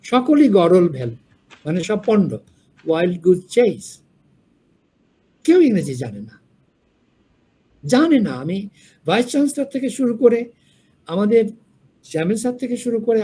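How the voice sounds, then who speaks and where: Older male lecturer, husky, talks frankly and wanders into stories. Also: high voice, big pitch swings, normal speed, pauses often, dark tone. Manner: frank, digressive storytelling. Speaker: university lecturer. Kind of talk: classroom lecture.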